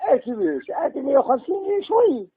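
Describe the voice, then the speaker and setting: A man's voice: extremely high pitch, big pitch swings, fast. A man with an Algerian accent on a phone call, rambling and haggling to sell old goods, heard over a phone line. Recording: tinny dry phone line.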